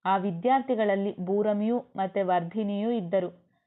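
A woman narrating a novel as its reader, in steady, flowing storytelling. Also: mid-range voice, unhurried. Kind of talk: novel reading. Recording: tinny phone-like audio.

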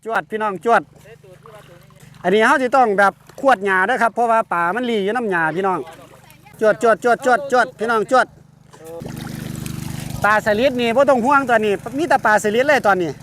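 A man's voice: extremely high pitch, fast, a bit bright, slight background noise. A man with a Northeastern Thai Isan accent, giving casual, exclamatory running commentary to viewers outdoors, often repeating words. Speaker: fishing vlog host. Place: outdoors at a rural pond.

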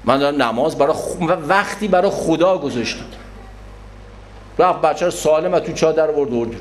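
A man giving a religious lecture on prayer, animated, acting out people in little scenes. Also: on the high side, a little hiss or hum. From Iran. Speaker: Quran scholar and lecturer.

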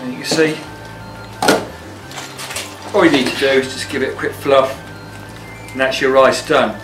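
Recorded from a distance in a steel-surfaced commercial kitchen, this middle-aged man, a chef who also teaches cookery, demonstrates a dish in an informal, plain-spoken way. He speaks at a normal speed in a steady, mid-range voice. Music runs under the roomy, off-mic audio.

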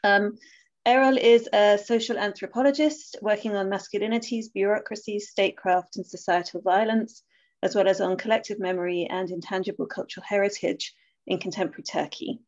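A woman's voice: medium pitch, fairly even intonation, a little fast, a little mellow. A woman with an Essex accent chairing an academic webinar over a video call, hesitant, with many fillers and restarts. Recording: dull lo-fi call audio.

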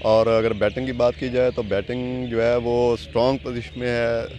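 A middle-aged man giving cricket analysis in a measured way, heavy with filler phrases, into a handheld mic outdoors at a stadium. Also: mid-range voice, level tone, a little mellow, slight background noise. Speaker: cricket expert. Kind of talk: field interview.

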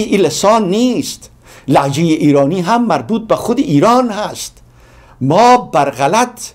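A man's voice: on the high side, a little mellow. A middle-aged man from Afghanistan with an Afghan Dari accent, giving an impassioned speech and building his points through long lists of repeated phrases. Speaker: guest speaker on a community TV program.

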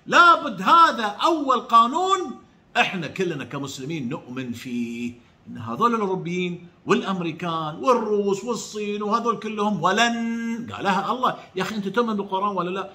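High, bright-voiced preaching man. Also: expressive, fast talker. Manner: rhetorical, repetitive, addresses viewers directly. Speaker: online religious commentator. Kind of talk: preachy direct-to-camera talk.

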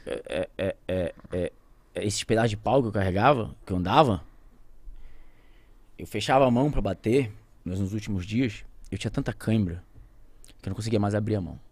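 A man with a Brazilian Portuguese accent, a podcast guest telling an emotional story with conviction, shifting from loud outbursts to near-whispers. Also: lowish voice, brisk, no echo. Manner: speaks with conviction, addresses viewers directly.

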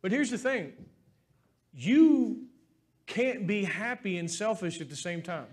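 A man's voice: high voice, lively intonation, slow, husky. A man preaching a sermon as pastor in a church, talking in an earnest, heartfelt, conversational way.

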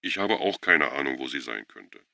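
A man's voice: very deep voice, big pitch swings, moderate pace, creaky, bright, forceful tone, no echo, studio quality, exaggerated voice. A man reading an audiobook voices a tired, irritated woman who is a nurse, curt and weary, pleading when pressed.

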